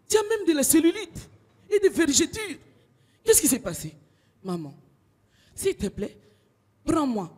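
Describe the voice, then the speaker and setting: A woman voicing a male pillow that whines, tattles and begs, with a husky voice. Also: sits high, darkish tone, in a large hall, exaggerated voice. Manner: complaining, tattling in sobs. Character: whiny, melodramatic talking pillow, male.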